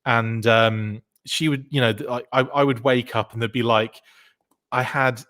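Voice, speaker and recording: A man's voice: mid-range voice, fairly even intonation, moderate pace, fairly bright tone. A man in his forties, a podcast guest, telling childhood stories in casual chat, full of fillers and restarts.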